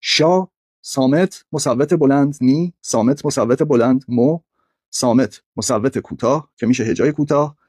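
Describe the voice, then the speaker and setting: A man's voice: mid-range voice, darkish tone, husky, dry recording, studio quality. A man teaching a literature lesson over slides, methodically breaking words into syllables.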